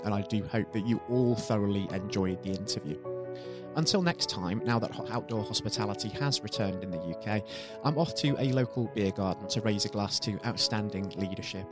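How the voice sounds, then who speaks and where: A man hosting an interview programme, speaking in polite, wordy, formal phrases. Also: fairly low pitch. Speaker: podcast host. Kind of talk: formal, scripted-sounding show sign-off.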